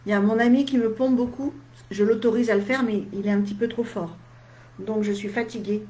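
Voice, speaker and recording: A woman speaks casually to her live-stream audience, replying to their comments in short, chatty asides. She sounds tired, and a slight head cold leaves her voice faintly husky and dry. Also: on the high side, steady tone, a little fast, warm tone, a little hiss or hum. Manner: chatty, talks straight to viewers in short asides. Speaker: medium.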